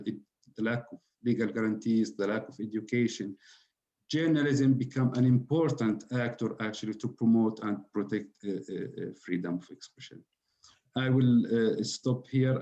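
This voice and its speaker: A man speaking at a webinar panel, slow and halting as he searches for words, heard over a video call. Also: fairly low pitch, mellow. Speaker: journalism policy director on a panel. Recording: dull lo-fi audio.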